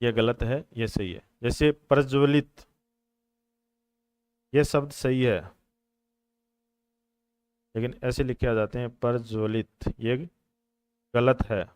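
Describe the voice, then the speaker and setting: A man's voice: medium pitch, fairly even intonation, slow, pauses often, darkish tone, clear, resonant tone, no echo. A man teaching a coaching class on questions. He explains each answer patiently, repeats the answers and calls his students brothers and friends. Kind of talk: classroom lecture on Hindi exam questions.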